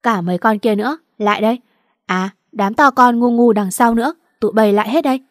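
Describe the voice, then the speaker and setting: Woman voicing a shouting, hot-tempered market thug. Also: a little high, fairly quick, dry recording, clean studio sound, lightly acted. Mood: furious. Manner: shouting, coarse insults. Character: rough male market boss, hot-tempered.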